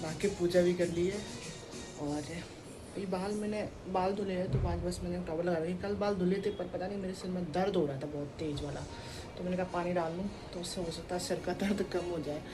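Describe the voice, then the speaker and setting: A woman's voice: on the low side, steady tone, brisk, music in the background, low-quality recording. Chatty young woman vlogging at home. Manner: chatty, rambling, talks straight to camera. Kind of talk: casual home vlog. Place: indoors at home.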